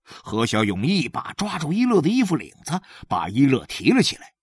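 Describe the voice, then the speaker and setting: A man narrating a story aloud, with a lively, expressive reading. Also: moderate pace, husky, no echo, studio quality. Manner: lively, expressive reading that swings widely in pitch. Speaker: audiobook narrator.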